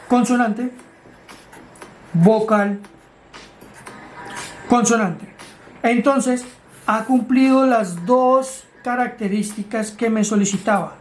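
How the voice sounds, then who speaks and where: A woman's voice: a little high, a little mellow, slight background noise. A woman teaching grammar, explaining rules step by step in a patient way and asking her students questions. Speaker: English teacher.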